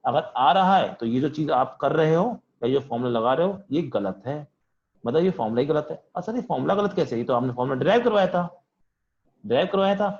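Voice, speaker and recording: A man's voice: on the high side, lively intonation, a little fast, darkish tone, lo-fi sound. A man teaching physics in an online class, asking questions and answering them in a student's voice, calling on students by name. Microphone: video call.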